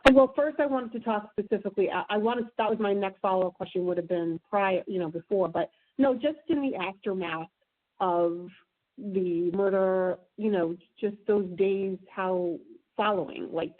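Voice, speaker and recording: A woman with a mid-range voice conducts a casual phone interview over a narrow phone line, rambling through halting questions.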